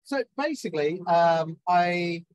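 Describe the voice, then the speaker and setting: A man's voice: high-pitched, lively intonation, slow pace, dry recording, dull audio. A man from New Zealand, a barbecue chef, chatting casually and explaining cooking step by step with plenty of fillers. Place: outdoors at a barbecue.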